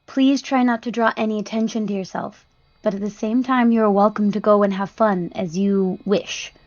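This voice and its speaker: A woman's voice: mid-range voice, fairly even intonation, moderate pace, a little mellow, no echo, natural voice. Lady acting as stern crew leader in a tabletop game, firm and formal, slightly dull audio. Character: stern female crew leader giving orders.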